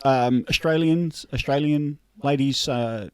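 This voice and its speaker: A man's voice: medium pitch, takes it slowly, clear, resonant tone, no echo. A middle-aged man with a broad Kiwi accent chatting casually and in a laid-back, blokey way as a podcast co-host. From New Zealand. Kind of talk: casual chat.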